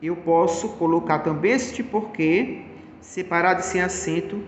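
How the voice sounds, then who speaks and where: Slow, high-voiced man teaching grammar. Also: a little hiss or hum. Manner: slow, explanatory, repeats points. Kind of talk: grammar lesson. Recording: echoey room, long reverb.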